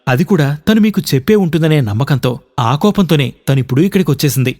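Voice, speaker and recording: A man's voice: on the high side, animated, fast talker, dark tone. A man voicing a troubled young husband who makes a subdued, earnest confession in a radio story reading. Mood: grieving. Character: troubled young husband haunted by mother's death.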